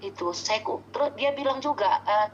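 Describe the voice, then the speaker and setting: A woman giving a casual spoken testimonial, halting and searching for words with many restarts. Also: a little high, animated, lo-fi sound, a little hiss or hum. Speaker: customer giving a product testimonial.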